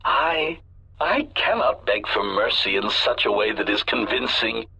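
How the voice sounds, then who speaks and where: A man's voice: lowish voice, lively intonation, measured pace, breathy edge, heavily acted, low-quality recording. A man voicing a cold, sardonic male assassin droid through a metallic robotic voice filter, clipped and announcing each remark with a label. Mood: mocking. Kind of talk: video game character dialogue. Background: loud game music.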